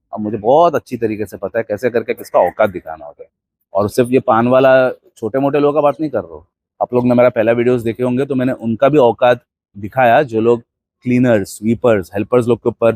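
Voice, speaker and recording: A man talking straight at his viewers in a blunt, emphatic monologue, pressing his points hard and often slipping English phrases in. His voice sits at an ordinary male pitch. It is recorded dry and close, with no room echo. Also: darkish tone. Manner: assertive, emphatic, addresses viewers directly and mixes in English phrases. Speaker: commentator giving his opinions on a case. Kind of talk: forceful opinion monologue to camera.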